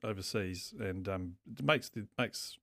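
A man's voice: deep voice, unhurried, gravelly, fairly bright tone, no echo, studio quality. A man with a New Zealand accent chatting casually as a podcast guest, in a laid-back, blokey, sweary way. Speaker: craft brewer, podcast guest.

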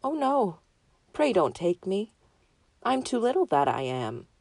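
A woman's voice: on the low side, expressive, moderate pace, gravelly, a little mellow, no echo. The tiniest billy goat in a storybook pleads in a small, thin voice, as a woman puts it on. He sounds timid and young. The recording is dry and close. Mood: pleading.

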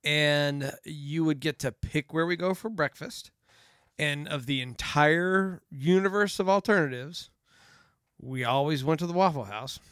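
A man's voice: on the high side, measured pace, clean tone, no room sound, clean studio sound. A middle-aged man, a father chatting casually with his daughter, telling stories and teasing her. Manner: joking, teasing, relaxed storytelling. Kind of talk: casual family chat.

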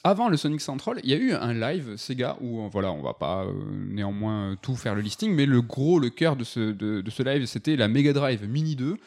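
A man's voice: medium pitch, sing-song, a little fast, hardly any pauses, darkish tone. A man hosting a casual gaming podcast, chatty and full of hesitation fillers. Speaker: podcast host.

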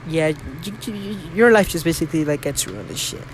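A teenage guy with a fairly high voice, co-hosting a podcast from his bedroom. He rambles, swears freely and makes fun of himself. Faint hiss sits under his voice. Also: big pitch swings, a little fast. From Florida, USA. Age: teens. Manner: rambling, swears a lot, self-mocking. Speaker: podcast co-host. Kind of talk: casual chat. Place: home bedroom.

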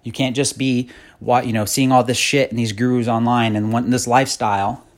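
A man's voice: medium pitch, little pitch movement, fairly quick. A man in his thirties hosting a podcast, giving a blunt, profane motivational monologue that grows more fired-up. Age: 30s. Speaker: podcast host.

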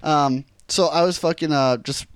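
A man's voice: on the high side, moderate pace, smooth, no room sound, clean studio sound. An American man co-hosting a podcast, telling a rambling story in casual chat, swearing often and laughing between lines. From United States. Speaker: podcast co-host.

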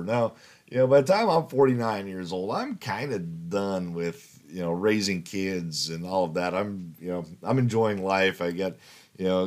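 A man's voice: lowish voice, darkish tone. A man in his fifties telling rambling personal stories in a casual monologue, swearing and laughing as he goes. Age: 50s. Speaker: podcast host.

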